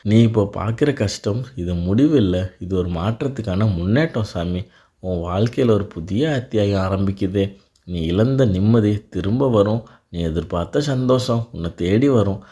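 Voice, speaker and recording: A man delivering a devotional blessing in a calm, reassuring voice, speaking directly to the listener. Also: fairly low pitch. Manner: calm, reassuring second-person address. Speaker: devotional narrator.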